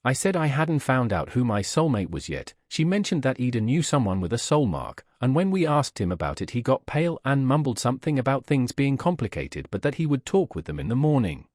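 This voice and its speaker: A man voicing a warm, emotional young woman who gushes and apologizes, with a husky voice. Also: medium pitch, big pitch swings, fairly quick, hardly any pauses, dry recording, clean studio sound.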